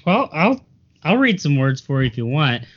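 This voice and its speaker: A man from Indiana co-hosting a podcast, full of deadpan jokes. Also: a little high, normal speed. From Indiana, USA. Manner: joking, deadpan quips. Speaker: podcast co-host. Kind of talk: casual podcast chat. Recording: dull lo-fi audio.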